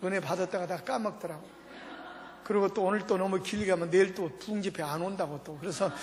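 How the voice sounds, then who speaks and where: A man preaching a revival sermon, talking fast and firing rhetorical questions at the congregation. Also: high-pitched, a little hiss or hum. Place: large church hall. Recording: long reverb of a large church hall.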